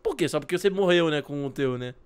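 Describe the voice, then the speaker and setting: Gamer dude, high bouncy voice, talks super fast, jokes around and yells when scared. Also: male voice, animated. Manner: jokey, shouts in panic, teasing. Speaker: gaming channel host. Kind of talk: excited Minecraft let's play chat.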